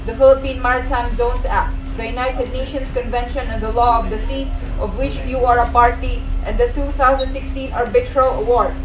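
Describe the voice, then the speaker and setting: A woman coast guard radio operator delivering a formal, firm challenge over a marine radio transmission. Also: a little high. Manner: firm, measured, steady delivery. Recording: distant echoey radio audio under news music.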